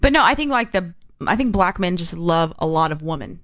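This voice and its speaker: Chatty woman co-host, lowish voice. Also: lively intonation, a little fast, a bit bright, dry recording, highs cut off. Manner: chatty, rambling with fillers. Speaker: radio co-host. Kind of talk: radio talk show chat.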